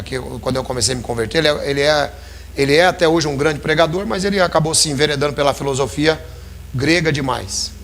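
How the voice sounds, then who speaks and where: Pastor guy, high voice, chatty sermon, keeps saying brothers. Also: a bit bright, slight background noise. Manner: conversational preaching, addresses listeners as brothers. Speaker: preacher.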